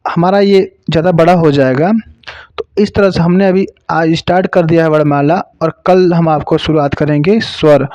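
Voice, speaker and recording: Male tutor from Uttar Pradesh, exam-prep lesson, patient and joking, mellow tone, dry close sound. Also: on the high side, no room sound, lo-fi sound. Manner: explains slowly, repeats sounds, adds jokes. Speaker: teacher.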